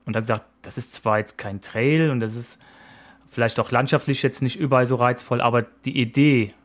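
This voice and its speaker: A man's voice: medium pitch, fairly even intonation, brisk. Easygoing man in his forties, rambling. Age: 40s. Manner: easygoing, rambling with frequent hesitations and laughs. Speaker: podcast co-host. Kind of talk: casual chat.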